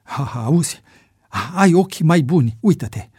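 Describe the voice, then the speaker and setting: A man's voice: fairly high pitch, lively intonation, dark tone, breathy edge, dry recording, studio quality, voice pushed up. A man voicing a panicked male bush pilot who cries out frantically, with Spanish exclamations, in a storybook reading. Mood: frantic.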